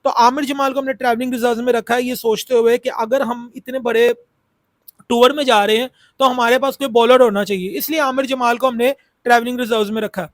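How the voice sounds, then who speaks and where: Nursing a sore throat, this man from Pakistan, a cricket YouTuber, chats about the game in a loose, repetitive way packed with fillers. The dry, studio-quality recording shows a very high, steady voice with a fairly bright tone and a brisk pace.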